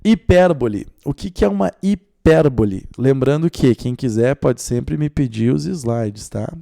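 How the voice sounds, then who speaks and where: A young man, teaching an exam-prep video lesson, lively and explanatory, asking rhetorical questions and stressing key words. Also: medium pitch, measured pace, gravelly.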